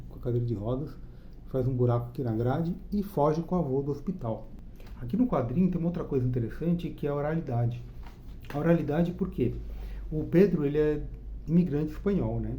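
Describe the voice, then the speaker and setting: Fairly high-pitched and heard through a muffled recording with a little hiss or hum, a Brazilian man with a Brazilian Portuguese accent runs his own channel. He gives a casual, chatty, enthusiastic comic book review, frequently using tag questions to check in with the listener.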